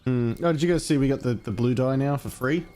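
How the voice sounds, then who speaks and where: A man's voice: medium pitch, brisk, dark tone. A man streaming a video game, chatting casually with friends and swearing freely as he plays. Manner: swears freely, laughs along.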